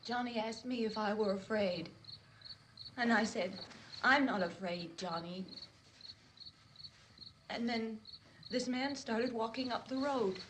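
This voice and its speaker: A dazed, shocked young woman. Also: on the high side. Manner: halting, dazed, breaking into hysterical crying. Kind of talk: 1960s horror film acting. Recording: old noisy film soundtrack.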